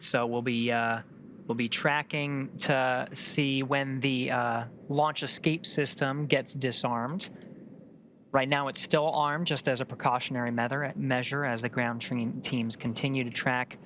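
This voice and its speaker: A man giving live launch commentary in a measured, halting, explanatory way. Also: medium pitch, flat delivery, fairly bright tone. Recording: faint background noise.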